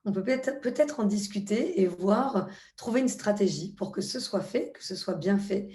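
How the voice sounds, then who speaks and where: Calm French-speaking woman guiding a tutorial. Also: medium pitch, normal speed, roomy sound. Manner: calm, guiding, with frequent hesitations. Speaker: EFT practitioner. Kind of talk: spoken tutorial.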